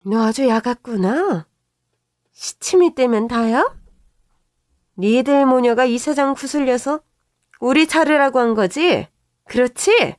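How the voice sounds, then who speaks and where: A woman voicing a furious older mother-in-law who yells accusations. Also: high voice, animated, takes it slowly, pauses often, no echo, studio quality, pitched above the performer's own voice. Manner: yelling, accusing.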